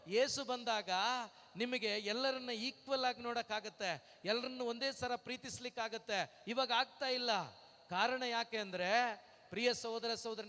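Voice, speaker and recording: A man with a very high, pushed, bright voice preaches a Pentecostal-style sermon, throwing rhetorical questions at the congregation and calling out hallelujahs between lines. He breaks into slow sung lines, and a long hall reverb trails everything.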